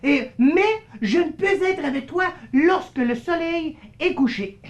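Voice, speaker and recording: A woman's voice: high-pitched, animated, a little slow, darkish tone, muffled recording. A woman voicing a mischievous male living shadow with a teasing, slightly haughty manner, in a children's puppet show.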